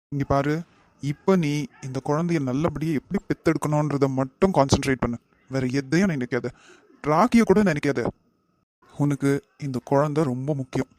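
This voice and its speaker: Guy doing earnest protective uncle in a cartoon, bit high voice, dry close mic, kanyakumari tamil accent, lectures a lot. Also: a little mellow, dry recording, close to an everyday voice. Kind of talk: animated family drama voice acting.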